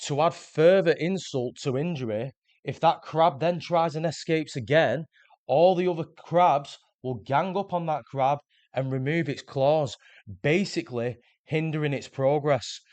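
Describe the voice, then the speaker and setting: A man's voice: on the high side, unhurried, darkish tone, no room sound. A man, earnestly explaining self-improvement ideas in a scripted motivational monologue. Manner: earnest, explanatory, repeats words when restarting. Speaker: self-improvement video host.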